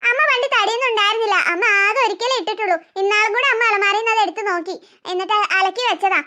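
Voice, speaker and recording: A doting cartoon mother, voiced by a woman, fussing, coaxing and gently scolding. The voice is pitched high and bright for a mother. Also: racing. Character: fussing, soothing middle-aged mother. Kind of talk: cartoon story voice acting.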